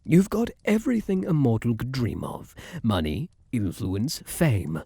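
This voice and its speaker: A man's voice: mid-range voice, huge pitch swings, a little slow, creaky, dark tone, husky, dry recording, full character voice. A man playing a suave, possessive luck spirit in an ASMR roleplay, flirtatious and theatrical, teasing and coaxing with pet names, close on the mic. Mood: smug, possessive.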